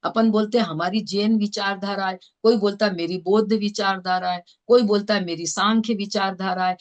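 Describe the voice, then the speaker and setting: A woman's voice: medium pitch, steady tone, moderate pace, lo-fi sound. A woman with an Indore Hindi accent teaching a scripture class, explaining with everyday examples and often checking that listeners follow. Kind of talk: religious scripture lesson.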